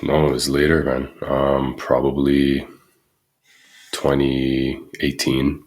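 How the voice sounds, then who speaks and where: A man in his thirties telling his personal story in an earnest, halting way, searching for words. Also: very deep voice, completely flat delivery, darkish tone. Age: 30s. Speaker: guest.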